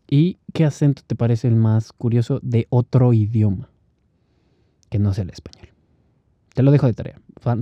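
A man's voice: mid-range voice, warm tone, no echo, dull audio. A young man talking casually on his solo podcast, laughing often and slipping in English phrases. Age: young adult. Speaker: podcast host.

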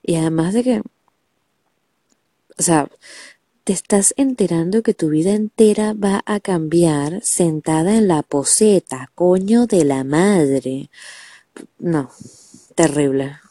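Brief: Venezuelan woman, nasal and stuffy, lowish mellow voice, dry close sound, profane storyteller. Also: slow, pauses often, no room sound. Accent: Venezuelan Spanish. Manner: profane, animated storytelling full of slang. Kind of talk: casual storytime monologue. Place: under a quilt at home.

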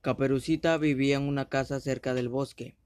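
A man reading a fairy tale aloud as a storyteller, steady and measured. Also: medium pitch, clear, resonant tone.

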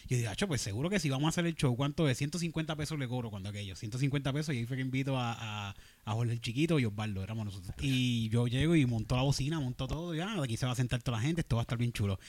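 A comedian with a Puerto Rican accent telling stories in casual chat and laughing often. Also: male voice, medium pitch, rapid-fire, hardly any pauses. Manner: animated storytelling, laughs often.

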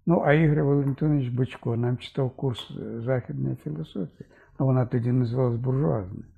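An older man, a philosophy lecturer, talking through ideas in a relaxed discussion and checking in with short asides. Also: medium pitch, a little fast, vocal fry, slightly rough, phone-quality sound. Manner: thoughtful, fond of asides and 'да?' checks. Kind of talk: conversational discussion.

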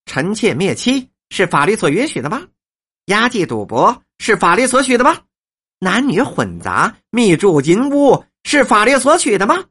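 A woman's voice: mid-range voice, big pitch swings, normal speed, a bit bright, husky, voice pushed up. A woman voicing a cold, sneering lady in a storybook reading, firing accusing questions.

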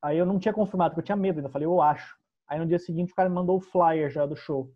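Soft-spoken young southern man. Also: fairly high pitch, racing, lo-fi sound. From southern Brazil. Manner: relaxed, soft-spoken storyteller. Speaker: stand-up comedian guest. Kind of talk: casual podcast conversation.

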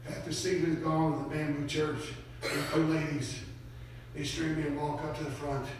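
A man preaching a sermon, telling a story with growing excitement, laughing and breaking into shouts. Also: a little high, normal speed, slight background noise. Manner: animated, builds to shouts, laughs often. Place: church sanctuary. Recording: echoey hall from far off.

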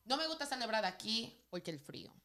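A woman's voice: a little high, very animated, fairly quick, bright, forceful tone. A woman from Rico, making dry, offhand remarks in casual chat.

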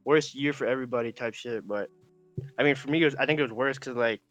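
A Canadian man in his late teens talks casually as a podcast guest, rambling in laid-back slang packed with fillers like "like" and "bro." His mid-range voice is a bit bright and he talks fast. Soft music plays in the background.

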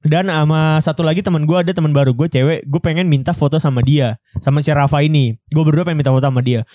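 A man's voice: on the high side, steady tone, fast talker, warm tone, dry recording, studio quality. A young man with a Jakarta accent hosting a podcast, telling a story in slangy, joshing chat and often repeating his phrases. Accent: Jakarta Indonesian. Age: young adult. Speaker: podcast host.

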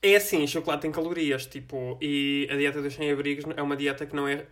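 A man's voice: fairly high pitch, fairly even intonation, fast, a bit bright. A young man with a European Portuguese accent chatting casually as a podcast co-host, blunt and slangy, dropping in English words.

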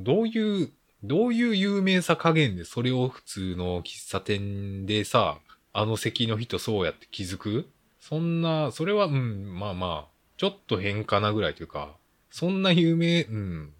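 A man's voice: deep voice, fairly bright tone. A man with a Kansai Japanese accent giving a casual solo film review, talking bluntly in rambling, grumbling colloquial asides.

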